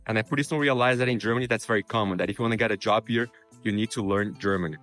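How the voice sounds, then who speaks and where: A Brazilian man whose first language is Portuguese, a vlogger, offers career tips to the camera in a casual, informal way. His voice is lowish with a fairly bright tone, and he talks quickly, sprinkling in plenty of "you know" fillers. Faint music plays behind him.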